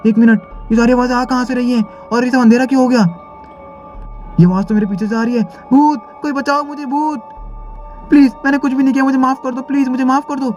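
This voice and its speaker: A man's voice: very high-pitched, steady tone, quick pace, darkish tone, faint music behind, voice pushed up. A man voicing a scared young boy who pleads and asks panicky questions in a nightmare, in an audio story. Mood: panicked.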